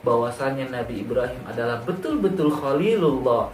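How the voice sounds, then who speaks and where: A man telling a religious story to children in an expressive way, addressing his young listeners directly with emphatic repetition. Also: mid-range voice, moderate pace. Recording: roomy echo, distant mic, background music. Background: music.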